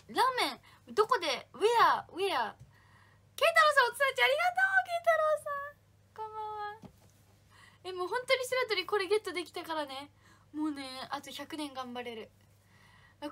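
A woman's voice: very high voice, pushed and bright. A young woman hosting a casual livestream, reading fan comments aloud and thanking viewers by name in a bubbly way. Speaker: idol livestream host.

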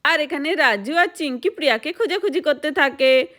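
A woman telling a lively doll play story and voicing all the dolls. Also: high voice, a little fast. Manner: lively, plays every doll's voice.

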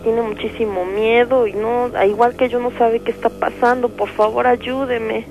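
A frightened young woman with a Mexican accent pleads down the phone to a radio host. Her voice sits a little high and comes through a muffled line. Eerie music plays clearly behind her. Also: little pitch movement, normal speed. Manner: pleading, frightened, breaking into cries. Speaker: radio caller. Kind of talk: frightened call to a radio show.

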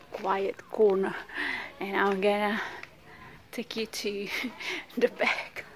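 Outdoors in a beach park with trees, a woman vlogger narrates a casual walking tour, chatty, full of fillers and frequent laughs, and tired from the heat. Her mid-range voice moves little in pitch and is very slow.

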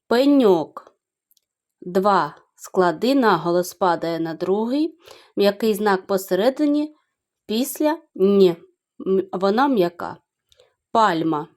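Slow, patient primary teacher woman. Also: mid-range voice, lively intonation, a little mellow. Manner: slow, careful, syllable-by-syllable explanation. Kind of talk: video lesson for young children.

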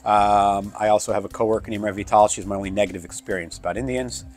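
Measured man, thoughtful. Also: on the low side, fairly even intonation, a little mellow. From Philadelphia, United States. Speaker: interviewee. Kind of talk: casual opinion sharing. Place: open-plan home living room. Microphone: clip-on lapel mic.

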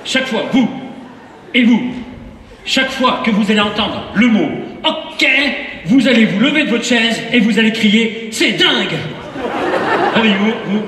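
A man doing a live comedy hypnosis show, firing off teasing jokes and slow commanding patter. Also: sits high, background noise. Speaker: stage hypnotist. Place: large concert arena on stage. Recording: echoey arena sound from far off. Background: audience murmur and laughter.

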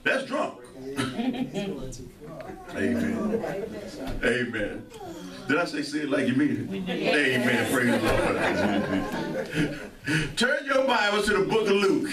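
Joking St. preacher in an echoey church. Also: male voice, on the high side, sing-song, a little slow, over a noisy crowd. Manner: joking, call-and-response with many amens. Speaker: pastor. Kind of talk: sermon. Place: church sanctuary. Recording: echoey church hall, mic far off, congregation audible.

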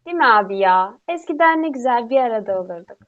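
Actress as a high-voiced chatty sister, dull sound. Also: female voice, lively intonation, fast talker, lightly acted. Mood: teasing, fond. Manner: chatty, familiar. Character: teasing, familiar younger sister of the family. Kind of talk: Turkish radio theatre acting.

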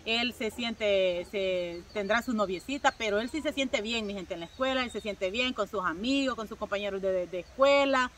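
A woman's voice: mid-range voice, normal speed, few pauses, a bit bright, distant mic, a little hiss or hum. A Salvadoran woman chatting casually to her viewers, with lots of filler words and friendly asides to her audience. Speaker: vlogger.

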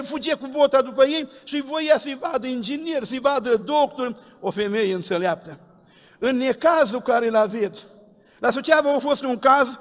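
A man preaching a sermon, telling stories and acting out the dialogue in folksy speech. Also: very high-pitched. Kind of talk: sermon with anecdotes. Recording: dull echoey hall recording.

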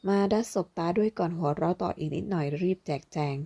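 A woman narrating a fantasy novel aloud, slowing down as she voices the characters. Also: fairly low pitch, dark tone, husky. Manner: voices characters with slow, deliberate delivery. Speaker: audiobook narrator. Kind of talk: dramatic novel reading.

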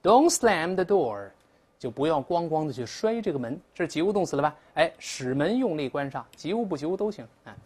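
A woman English teacher explains words in Mandarin in a classroom lesson style. Her pitch swings widely as she drills pronunciation, repeating words loudly for students to copy. She moves between brisk explanation and slow, careful example sentences. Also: husky. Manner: animated, drills pronunciation aloud with repetition.

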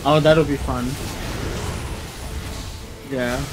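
A man with a New York accent chatting casually during gameplay, laid-back with quick game callouts. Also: mid-range voice, steady tone. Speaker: co-host gamer. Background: game music.

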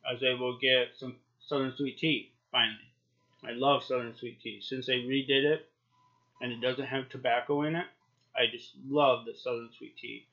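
A man's voice: medium pitch, steady tone, normal speed, sharp tone. A man in his forties giving a casual, chatty review to camera, talking with a lip full of dip. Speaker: YouTube product reviewer. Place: small home office, indoors. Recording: dull, lo-fi webcam sound.

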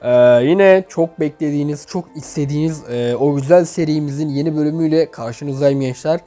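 A young man with a fairly high voice hosts a gaming video in a casual, chatty way. His words bounce around an echoey, emptied room. Music plays behind him as he addresses his viewers like friends. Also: brisk, mellow. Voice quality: echoey, reverberant room sound. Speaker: YouTube game channel host. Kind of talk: casual gaming commentary, reviewing player profiles. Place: bedroom with items cleared out, indoors.

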